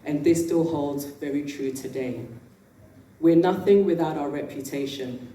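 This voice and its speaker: Prim lady etiquette coach giving a talk, precise diction, mellow voice, roomy and kinda noisy. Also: low voice, unhurried. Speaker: etiquette coach speaking at an event. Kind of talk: motivational talk to a live audience. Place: indoor event room with audience. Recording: roomy, distant mic, noisy hall.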